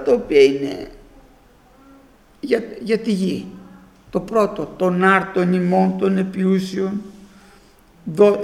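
A man's voice: extremely high pitch, creaky, echoey room, in a large hall. A man preaching a sermon with fervour, his voice rising into exclamations as he speaks.

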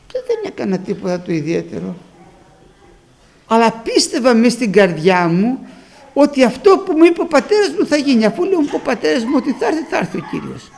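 An older man delivers a fervent sermon. His voice sits high and gravelly, and it swings widely as he repeats his phrases and keeps turning to his listeners as brothers. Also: wildly swooping pitch, darkish tone, slight background noise. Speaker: preacher. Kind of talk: Pentecostal sermon with personal testimony.

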